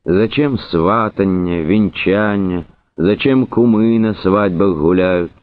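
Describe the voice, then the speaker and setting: A man voicing a sorrowful male cart driver who speaks slowly and mournfully. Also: very deep voice, big pitch swings, full character voice. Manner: sorrowful, slow. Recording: narrow phone-like sound.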